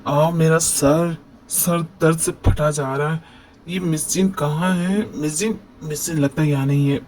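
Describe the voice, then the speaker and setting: A young woman voicing a rude male CEO who wakes with a pounding headache, groaning and slow. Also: sits low, fairly even intonation, a little mellow, pitched below the performer's own voice, poor audio. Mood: groggy, pained. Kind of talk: Hindi fan dub drama.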